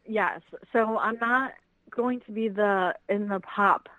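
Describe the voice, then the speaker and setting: Female musician guest, bubbly and excited, chatty with fillers, dry close sound. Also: mid-range voice, slow, no room sound, rough recording. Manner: enthusiastic, gushing, many fillers. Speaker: singer, interview guest. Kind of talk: casual interview chat.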